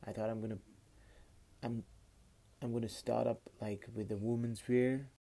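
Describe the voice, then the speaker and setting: This podcast host is a Kashmiri-accented man in his late twenties who talks haltingly and repeats himself a lot in a casual personal monologue. His medium-pitched voice stays steady, creaky, and mellow, captured on a phone.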